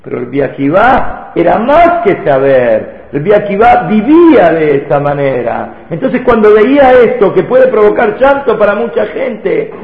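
A man's voice: high voice, sing-song, normal speed, few pauses. A man, teaching a religious lesson to a live audience and telling stories through rhetorical questions. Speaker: Torah teacher. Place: hall with an audience. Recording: echoey hall, phone-like lo-fi sound.

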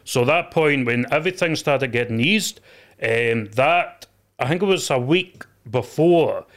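Male podcast guest, broad Scottish accent, middling pitch, casual, emphatic, repetitive and sweary. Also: expressive, a little slow. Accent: broad Scottish, west of Scotland. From Scotland. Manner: sweary, emphatic and repetitive, often tagging "you know". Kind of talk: casual interview storytelling.

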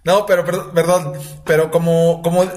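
A man hosting a casual podcast chat, laughing often and pausing on fillers. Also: on the high side, level tone, crowd noise. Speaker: podcast host.

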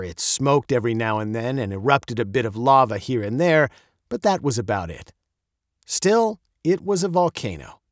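A man reading a children's chapter book aloud in an expressive, playful storytelling manner. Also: dry recording, studio quality. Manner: expressive, playful storyteller with wide pitch swings. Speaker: audiobook narrator. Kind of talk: scripted storybook narration.

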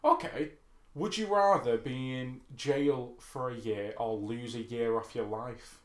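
A man's voice: medium pitch, a little slow, reverberant. A man co-hosting a podcast in casual banter, reading out would-you-rather questions, swearing freely and laughing often. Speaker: podcast co-host.

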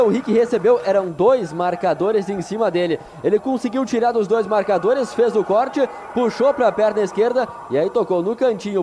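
A man's voice: high-pitched, warm tone. A Brazilian man reporting live on a football match, describing how goals happened, with stadium ambience behind him. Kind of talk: live descriptive goal recap with sponsor tag. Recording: noisy live stadium broadcast.

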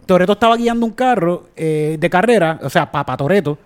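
A Puerto Rican man hosts a loose comedy podcast with a slightly raised pitch. He tells stories with energy and cracks up easily while he keeps the chat moving. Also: clean tone. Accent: Puerto Rican Spanish. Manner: animated, storytelling, quick to laugh. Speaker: podcast host. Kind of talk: casual comedy podcast banter.

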